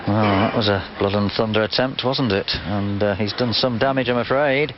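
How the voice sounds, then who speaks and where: A man's voice: lowish voice, normal speed. A man giving live commentary on a snooker match from the arena. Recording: noisy, muffled TV broadcast sound.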